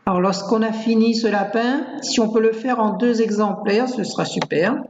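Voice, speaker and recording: A woman teacher calmly walks parents through worksheets and a learning game, patient and hesitant, with many fillers. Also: a little high, moderate pace, slight background noise. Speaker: primary school teacher. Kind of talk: explaining worksheets in a screencast. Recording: roomy, dull lo-fi home recording.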